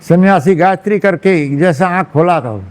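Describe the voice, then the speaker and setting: A man, a monk, telling a devotional story in a sermon, with lively narration and frequent asides to his listeners. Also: high voice, normal speed. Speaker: monk preacher. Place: temple hall.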